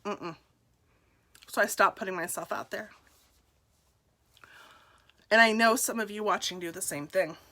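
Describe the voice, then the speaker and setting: A woman's voice: medium pitch, a little slow, long pauses, bright, forceful tone. A woman in her forties telling her personal story to the camera, candid and self-deprecating, laughing often. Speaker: nurse and direct seller.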